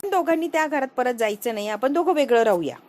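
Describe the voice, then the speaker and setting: A woman's voice: high voice, animated, fast talker, darkish tone. Brief: woman voicing distraught young husband, begging and repetitive, serial-recap read. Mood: pleading. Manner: pleading, repeating himself. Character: distraught young man pleading, tearful.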